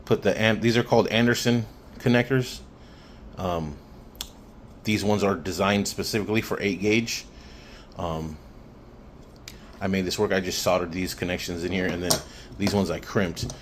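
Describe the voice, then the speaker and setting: Recorded on a phone amid background noise, a man casually walks through radio wiring as a hobbyist, speaking plainly and to the point. His voice sits low, his intonation stays fairly even, and he moves at a moderate pace with long pauses.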